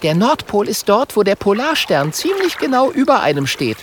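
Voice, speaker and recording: A man voicing a clever, prim young girl in a storybook reading, high-pitched and knowing. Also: very animated, moderate pace, slight background noise.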